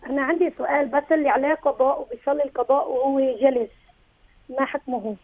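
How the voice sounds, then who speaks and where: High quick Levantine woman caller by phone. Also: steady tone, dry recording. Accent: Levantine Arabic. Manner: polite, repeats blessings. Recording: tinny phone line, dry.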